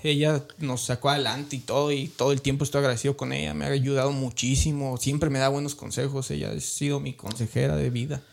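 This guest has a mid-range voice with vocal fry and fairly even intonation, talking quickly with few pauses. With a Mexican Spanish accent, he earnestly relates a personal story in emotional, colloquial language, marked by frequent restarts and tag questions.

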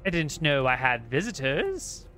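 A man's voice: mid-range voice, wildly swooping pitch, a little slow, pushed and bright, soft background music, full character voice. A man voicing an ambitious, haughty female sorcerer in a tabletop game, speaking in a grandiose, condescending manner. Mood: guarded.

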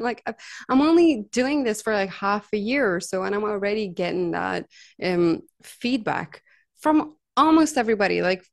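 Chatty earnest woman, mid-pitched. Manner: chatty, frequent "like" and "right?" tags; earnest, heartfelt. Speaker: massage therapist and healer. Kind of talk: casual conversational storytelling.

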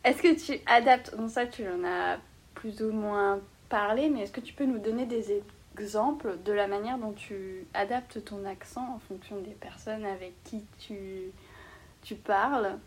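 A woman's voice: mid-range voice, a little slow, a little hiss or hum. A woman interviewer putting casual questions to a guest.

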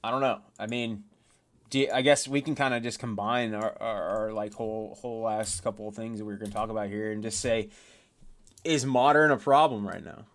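A man's voice: on the low side, fairly even intonation, fairly quick. A man co-hosting a podcast, chatting casually and rambling with lots of restarts and fillers. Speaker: podcast co-host. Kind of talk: casual chat.

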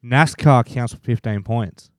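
A man's voice: medium pitch, unhurried, darkish tone, no room sound. A man with an Australian accent co-hosting a podcast, explaining things in an informal, sweary, conversational way. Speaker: podcast co-host. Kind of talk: casual explainer chat.

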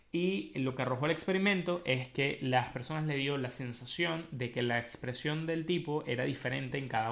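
Casual Venezuelan man explaining things colloquially. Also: mid-range voice. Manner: colloquial, animated storytelling with slang. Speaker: host.

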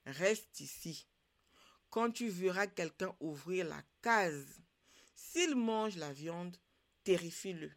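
A woman's voice: fairly low pitch, animated, takes it slowly. A woman voicing a crafty male wild cat in a folktale, speaking in a commanding, scolding way. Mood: scheming.

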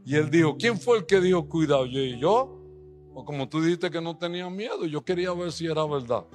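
A man preaching a sermon, telling stories and building up to loud exhortation, with English phrases mixed into his Spanish. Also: quick pace, soft background music. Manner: storytelling, swings from low asides to loud rising exhortation.

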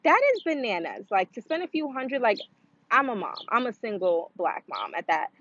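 A woman's voice: fairly high pitch, very animated, normal speed, a bit bright, a little hiss or hum. A woman talking casually to the camera in a vlog, rambling with lots of fillers like "um" and "like" and acting out quoted voices. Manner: rambling, filler-heavy, chatty with frequent "um" and "like"; acts out quoted voices in a livelier tone. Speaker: vlogger sharing her trading story. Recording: slightly dull lo-fi audio.

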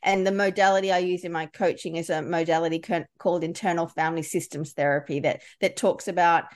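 A woman's voice: on the low side, steady tone, quick pace. A middle-aged woman, a leadership coach, answering a podcast interview in a candid storytelling way with frequent restarts.

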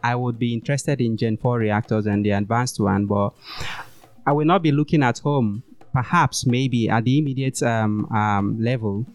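A man's voice: mid-range voice, normal speed, no echo, soft background music. A man from Africa hosting a podcast, asking long, rambling questions in a casual way. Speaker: podcast host. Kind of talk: casual interview.

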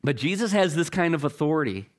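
With a mid-range voice that's expressive, a little slow, and slightly bright, a middle-aged man preaches a sermon. His manner is easygoing and conversational, laced with self-deprecating humor and frequent word repetitions as he restarts phrases.

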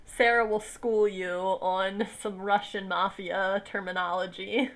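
A woman's voice: medium pitch, little pitch movement, slow. A woman co-hosting a podcast, chatting casually and enthusiastically about a book series. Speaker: podcast co-host.

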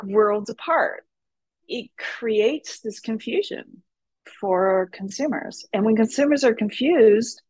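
A woman's voice: medium pitch, husky, no room sound. A woman talking as a guest expert in an interview, direct and emphatic, with frequent fillers. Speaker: wine business guest expert. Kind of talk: casual interview talk.

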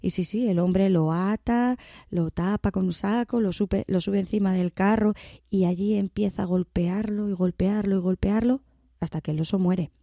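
A woman's voice: medium pitch, normal speed, dry recording. A woman with a Peninsular Spanish accent, from the Valencia region, casually retelling a folk tale as a guest. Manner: chatty, lively retelling. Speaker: guest commentator. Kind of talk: casual storytelling.

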